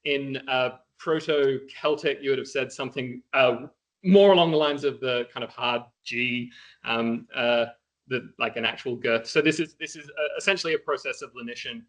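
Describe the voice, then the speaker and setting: A man's voice: mid-range voice, moderate pace, fairly bright tone, poor audio. A man from Wales answering questions after an academic talk, with many fillers and restarts. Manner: hesitant, many fillers and restarts, laughs easily. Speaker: conference speaker.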